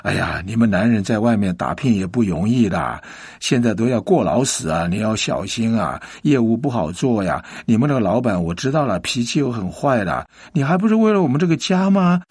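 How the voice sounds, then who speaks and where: A man's voice: lowish voice, animated, fairly quick, a little mellow, slightly rough, dry recording. A man voicing a worn-out young housewife and mother who complains shrilly, close to tears. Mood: caring.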